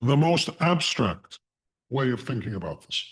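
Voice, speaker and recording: Man with a disguised deep voice-changer voice. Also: very animated, a little slow. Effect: voice changer giving a disguised deep, Darth Vader-like voice. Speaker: online course instructor. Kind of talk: live online lecture. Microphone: online video call through a voice changer.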